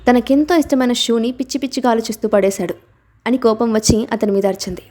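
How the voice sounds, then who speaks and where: A woman narrating an audiobook in a steady, expressive way. Her voice is mellow and dark in tone yet sits somewhat high in pitch, and she reads at an even, unhurried pace. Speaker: story narrator.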